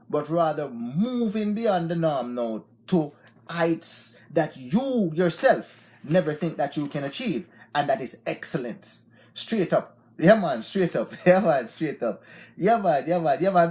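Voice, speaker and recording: A man's voice: on the high side, a little mellow. A man in his forties with a Jamaican accent who hosts an unscripted live stream and gives motivational talk in a loose, repetitive way, often saying "yeah, man". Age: 40s.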